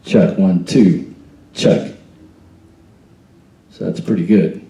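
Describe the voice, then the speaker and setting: A man with a deep, warm voice takes things slowly as he gives patient, step-by-step technical instruction on a church mixing desk, checking the mic with "check, one, two." It's recorded from a distance in the indoor sound booth, with a roomy sound.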